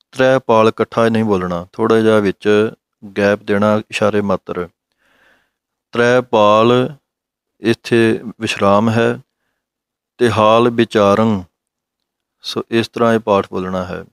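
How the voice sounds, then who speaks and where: A man gives a pronunciation lesson in a low, even voice that barely rises or falls. He recites each line slowly, then breaks down the sounds. His tone is smooth and clear, recorded dry and close. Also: no echo. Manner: slow, careful, instructive, recites lines slowly then explains. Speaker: Gurbani pronunciation teacher.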